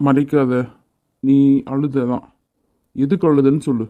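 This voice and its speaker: A man's voice: mid-range voice, level tone, measured pace, natural voice. A man voicing a caring young house owner in a cartoon, who keeps pressing for the truth. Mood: coaxing. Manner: insistent, coaxing questions. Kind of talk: cartoon dubbing. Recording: dry, phone-like sound.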